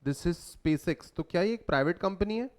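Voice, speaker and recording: A man's voice: high-pitched, lively intonation, normal speed. A man teaching a lecture in a conversational way, often quizzing his students with questions. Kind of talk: lecture mixing Hindi and English.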